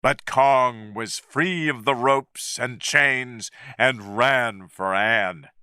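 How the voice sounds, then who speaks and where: A man narrating a story at a very slow, deliberate pace for English learners. His voice is bright and lively in pitch, recorded dry and close. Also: no echo. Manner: clear, deliberate reading.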